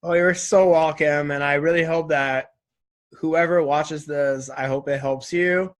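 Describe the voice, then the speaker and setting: A slightly high-voiced man in his twenties is a guest in a relaxed interview, speaking a bit slowly. He's candid and reflective, thinking aloud in a loose way and leaning heavily on "like" and "right?"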